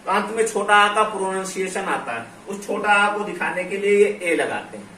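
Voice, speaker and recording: A man's voice: sits high, sharp tone. Man teaching English grammar in an echoey room. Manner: explains slowly, repeats key words, spells out letters. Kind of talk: classroom-style explanation at a board. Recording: echoey room, from a distance, faint noise.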